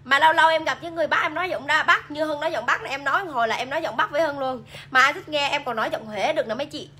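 A woman's voice: high voice, rapid-fire, bright, forceful tone. A woman with a Southern Vietnamese accent, hosting a chatty live sales stream, reading viewer comments aloud and pushing products. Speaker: livestream seller. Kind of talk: casual live sales pitch.

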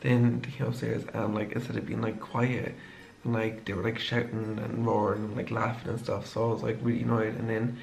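A man's voice: fairly low pitch, completely flat delivery, brisk, creaky, a little mellow, slight background noise. A tired young man, a design student, rambling casually through a story from his home kitchen, with lots of "like". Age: young adult. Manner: rambling, heavy use of "like". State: tired from lack of sleep.

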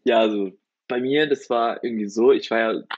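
A young man from Mannheim interviewed over a video call, relaxed and rambling. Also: medium pitch, a little fast, highs cut off, noisy background. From Mannheim, Germany. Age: young adult. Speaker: band member guest. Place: room at home with purple lights.

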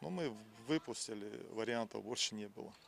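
A man in his fifties, a football coach, giving plain, halting, repetitive post-match answers outdoors into a handheld microphone. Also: on the low side, gravelly, slight background noise. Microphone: interviewer's handheld microphone.

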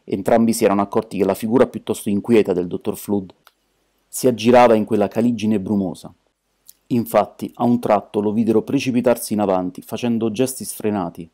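A man narrating an amateur audiobook in a steady, measured reading. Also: on the low side.

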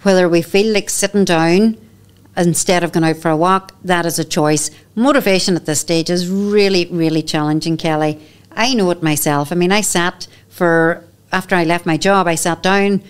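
A woman's voice: lowish voice, normal speed, clean tone. A woman in her fifties with a Northern Irish accent, speaking as a podcast guest in a candid, emphatic way and repeating key phrases. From Northern Ireland. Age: 50s. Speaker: podcast guest, menopause educator. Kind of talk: candid conversational interview. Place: studio set with armchairs. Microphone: boom microphone on stand.

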